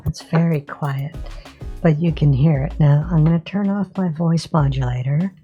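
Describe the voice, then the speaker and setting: A woman talking through a voice modulator, giving a casual, rambling product review full of fillers and pauses. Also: low voice, warm tone, dull audio, faint music behind. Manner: rambling, filler-heavy, halting.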